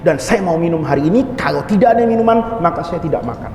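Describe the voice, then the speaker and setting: A man's voice: a little high, lively intonation, quick pace, pitched below the performer's own voice, close to an everyday voice. A male preacher voicing a blunt, teasing old male Sufi master during a sermon. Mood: calm. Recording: echoey mosque hall, faint noise.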